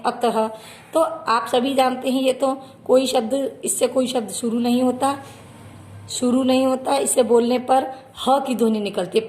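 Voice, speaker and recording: A woman's voice: a little high, darkish tone, slight background noise. A woman teaching a children's Hindi grammar lesson, patiently repeating terms and addressing her pupils fondly. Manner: patient, repeats terms and calls listeners "beta".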